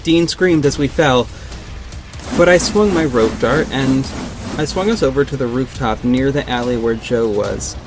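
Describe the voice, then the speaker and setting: In this tense, dramatic audio drama, a man voices a self-assured vigilante detective who earnestly narrates his own tale in the first person, with acted dialogue mixed in. His mid-range voice is close to an everyday one, at a measured pace, heard over music.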